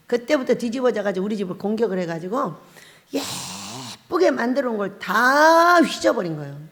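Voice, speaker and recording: A woman pastor giving a revival sermon, telling stories and acting out the voices she quotes. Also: a little high. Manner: storytelling, acts out quoted voices, laughs often. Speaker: pastor, head of a fasting prayer house. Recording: long hall reverb.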